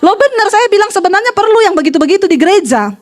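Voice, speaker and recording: A woman pastor delivers a sermon in a high, bright voice. She tells stories with animation and shifts her voice to act out the people she quotes. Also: fast. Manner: animated storytelling, quoting voices with shifts in pitch.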